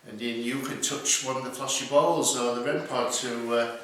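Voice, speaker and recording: A man's voice: medium pitch, fairly even intonation, normal speed, fairly bright tone. A man leading a ghost hunt, talking casually and hesitantly with many fillers as he calls out to spirits in an old theatre room. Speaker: ghost hunting group leader. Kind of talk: casual chat while calling out to spirits. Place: large old room in a disused theatre, indoors. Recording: echoey room, faint noise.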